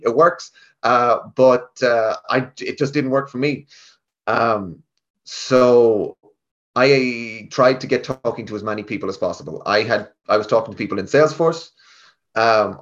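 A man with a west of Ireland accent talks in a casual, chatty way, as if recounting things in an interview. His voice sits at a medium pitch and he often quotes exchanges informally. The sound is a little dull and lo-fi. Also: fairly bright tone. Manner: chatty, self-quoting, informal. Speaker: interview guest, tech sales team lead. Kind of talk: casual conversational storytelling.

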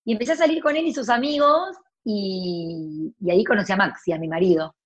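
A woman's voice: medium pitch, fairly quick, slightly rough. A woman in her forties with a Rioplatense Argentine accent, an actress chatting casually about her life, with many restarts and asides. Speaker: actress guest. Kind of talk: casual storytelling chat.

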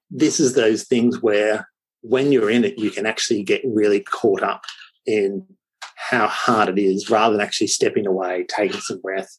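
A man, chatting casually about being a new father and telling lively stories with plenty of ums. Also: lowish voice, breathy edge, poor audio. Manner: lively anecdotes with frequent fillers. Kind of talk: casual storytelling chat.

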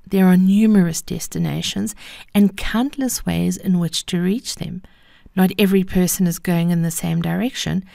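A woman host reading scripted personal reflections in a measured, unhurried, gentle storytelling manner. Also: medium pitch, vocal fry, no room sound, studio quality. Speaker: host of a daily encouragement podcast.

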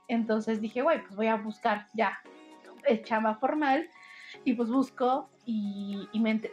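A young woman in her twenties with a Mexico City accent, telling a story in casual, slangy chat and acting out the quotes. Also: on the high side.

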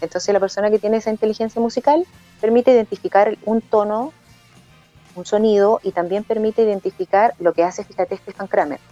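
A woman's voice: mid-range voice, steady tone, brisk, warm tone. A woman music and singing teacher explains how voices are placed, patient and explanatory, now and then singing a short line to show it. She comes through a muffled phone line with faint music behind. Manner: explanatory, sings short demonstration phrases. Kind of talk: explaining voice technique on a call-in interview. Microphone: phone call.

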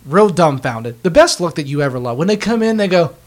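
A man telling a story in casual podcast chat, slangy and animated, acting out the people in it. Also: on the high side, a little fast.

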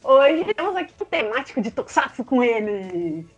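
A woman with a Brazilian accent hosting a challenge show in an excited, casual, animated way with drawn-out announcements. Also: on the high side. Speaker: host of a quiz challenge show. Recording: dull lo-fi sound, music behind.

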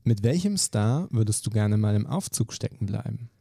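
Male podcast host, gravelly, animated delivery, dry booth sound. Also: on the low side, no room sound. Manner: brisk, lively questioning. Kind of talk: quick-fire question interview.

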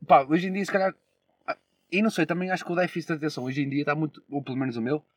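A man's voice: fairly high pitch, fairly even intonation, very fast, dry recording. A young man with a European Portuguese accent, chatting casually and slangily, with swearing, as a podcast co-host. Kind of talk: casual chat.

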